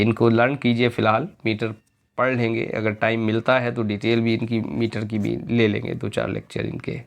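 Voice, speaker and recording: A male teacher giving an exam-prep lecture, reading English definitions slowly and often asking the students if it is clear. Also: medium pitch. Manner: slow, drawn-out reading of English definitions, quizzing questions to students; repeatedly asks "clear friends?".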